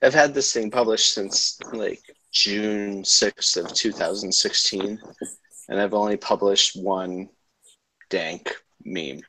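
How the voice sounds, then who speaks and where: A man co-hosting a casual podcast chat, speaking in a rambling, halting way. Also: fairly low pitch, bright, forceful tone, low-quality recording. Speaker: podcast co-host.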